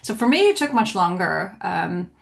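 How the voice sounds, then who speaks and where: A woman co-hosting a podcast, speaking in a reflective, measured way. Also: fairly low pitch, big pitch swings, gravelly. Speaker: podcast co-host. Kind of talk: casual chat.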